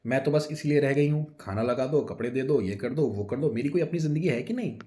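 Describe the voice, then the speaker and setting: A man voicing an angry middle-aged housewife who scolds her husband in loud, shrill complaints. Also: expressive, brisk, lightly acted. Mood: resentful.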